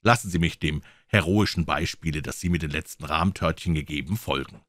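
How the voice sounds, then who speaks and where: A man voicing a proud, commanding prince who speaks low and measured. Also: fairly bright tone, no room sound, clean studio sound. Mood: haughty.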